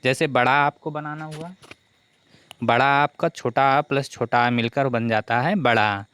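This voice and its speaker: A man's voice: mid-range voice, steady tone, unhurried, a bit bright, smooth. Man teaching, answering his own questions. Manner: asks questions, then answers them himself. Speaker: exam prep teacher. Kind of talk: online grammar lesson.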